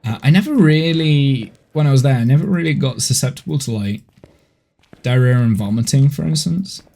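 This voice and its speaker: Streaming a horror game from home, a thirtysomething man nursing a head cold rambles in casual gameplay chat. His mid-range voice is expressive, creaky, and mellow, at normal speed.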